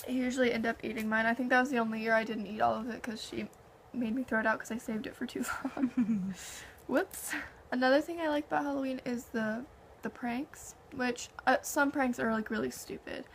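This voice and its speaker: A woman's voice: a little high, brisk, slight background noise. A young woman in casual chat, telling stories in a conversational way and acting out quoted dialogue. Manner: animated anecdotes with heavy filler "like" and quoted dialogue.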